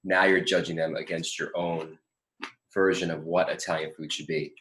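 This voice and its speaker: A man co-hosting a casual TV recap chat, explaining things at a measured pace with frequent restarts. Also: low-pitched, flat delivery, a bit bright, slight background noise. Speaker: co-host.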